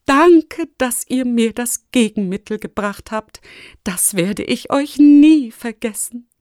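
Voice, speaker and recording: A fussy, germ-obsessed male school principal from a children's audiobook, put on by a woman reader. He talks high, loud and slowly stretched out, fretful and overbearing. The voice is dry and close, with no room around it. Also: animated, no room sound. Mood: relieved. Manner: strident, barking orders, then whimpering.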